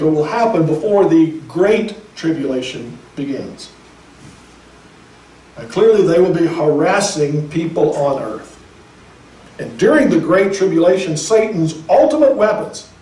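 A man preaching in a mellow, fairly high voice, emphatic one moment and chatty the next. He is heard from a distance in a roomy church hall with audible echo. The delivery is a pastor's sermon. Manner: emphatic, conversational preaching with speculative asides.

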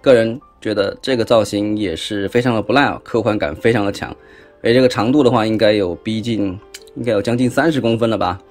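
A man with a Taiwanese accent and a fairly low voice talks fast in a chatty, casual hands-on toy review at an indoor tabletop, often throwing in rhetorical questions. Soft music plays in the background.

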